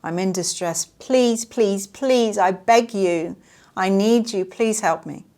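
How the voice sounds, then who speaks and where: A woman's voice: mid-range voice, slow pace, a little mellow. A woman acting out a pleading adult in fake distress who begs over and over to be rescued.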